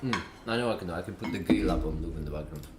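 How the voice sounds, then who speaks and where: Lively man streaming while eating. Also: low-pitched, fast, reverberant, slight background noise. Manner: eating while talking, mouth full. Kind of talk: casual live-stream chat.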